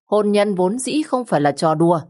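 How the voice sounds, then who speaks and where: A woman voicing a calm older father who gives measured, soothing advice. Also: mid-range voice, lightly acted. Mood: advising.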